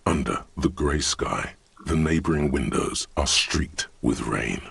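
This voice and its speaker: A man playing the knowing, dry narrator of a detective's inner thoughts in a video game, deliberate and deadpan. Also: dry recording, exaggerated voice. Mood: brooding narration. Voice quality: very deep, gravelly.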